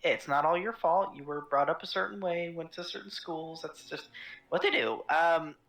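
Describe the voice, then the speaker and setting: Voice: mid-range voice, moderate pace, fairly bright tone, low-quality recording. A tabletop player speaking in character, polite and wry, hesitating often.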